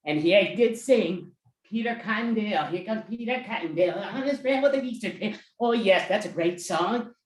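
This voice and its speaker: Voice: mid-range voice, unhurried, close to an everyday voice. A performer putting on a chatty Easter Bunny who rambles and restarts sentences, recorded in an echoey room.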